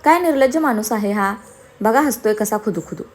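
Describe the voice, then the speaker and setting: A woman voicing a feisty, sharp-tongued young woman in a storybook reading. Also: sits high, normal speed, lightly acted. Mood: sulky. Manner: snappy, sulky.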